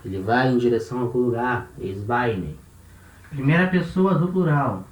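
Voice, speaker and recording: A man's voice: mid-range voice, big pitch swings, brisk, dull audio. A man with a Brazilian Portuguese accent teaching Ancient Greek grammar, explaining step by step and counting syllables aloud. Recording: roomy echo, voice off-mic.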